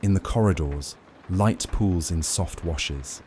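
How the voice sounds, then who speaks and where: A man giving a slow, soothing scripted bedtime narration in a gentle, measured, lulling manner. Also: low-pitched, a little hiss or hum. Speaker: narrator of bedtime lore stories.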